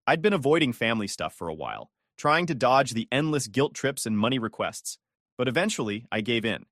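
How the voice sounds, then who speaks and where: A man narrates a first-person story in a bitter, confiding way. His pitch rises and falls in a lively way through each sentence. The voice-over is dry and close to the mic. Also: fairly quick, no room sound.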